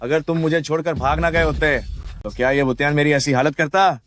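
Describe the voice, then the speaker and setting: A man's voice: on the high side, steady tone, fairly quick, fairly bright tone, slight background noise, lightly acted. A man dubbing a vengeful villain, bitter and scornful in his speech.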